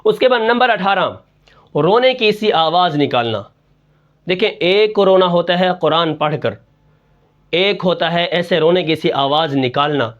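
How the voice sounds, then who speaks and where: A male Quran teacher with a high, light voice. He explains recitation rules in a repetitive question-and-answer pattern, dropping his voice low on each answer. The audio is dull and muffled, like a lo-fi recording. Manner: breaks into slow, drawn-out Quran recitation to demonstrate. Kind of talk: tajweed lesson in Urdu.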